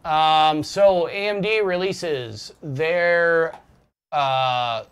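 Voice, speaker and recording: A man co-hosting a casual gaming news podcast from home, excitable and swearing often as he rants. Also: a little high, extremely slow, clean tone. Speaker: podcast co-host.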